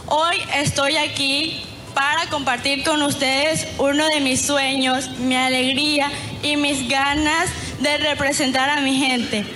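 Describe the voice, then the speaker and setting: An eighteen-year-old woman, giving a slow, careful pageant candidate speech. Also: sits high, level tone, pushed and bright, a little hiss or hum. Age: late teens. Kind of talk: prepared speech. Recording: background music under the voice.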